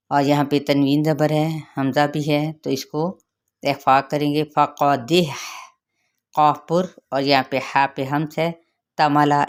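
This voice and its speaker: A woman with a Pakistani Urdu accent teaching Quran recitation rules, explaining each letter slowly and carefully. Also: deep voice. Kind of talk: tajweed lesson with recitation.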